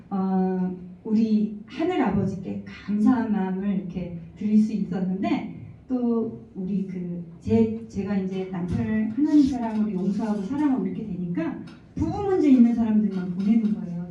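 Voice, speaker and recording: A woman's voice: mid-range voice, normal speed, warm tone. A woman in her forties giving a personal testimony to a congregation, telling her story earnestly and acting out the dialogue. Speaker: church member giving testimony. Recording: echoey hall, distant mic, dull lo-fi sound.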